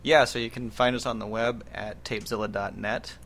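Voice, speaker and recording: A man co-hosting a podcast in a casual chat, relaxed and a little hesitant. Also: fairly low pitch, a little fast, gravelly, a little hiss or hum. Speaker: podcast co-host.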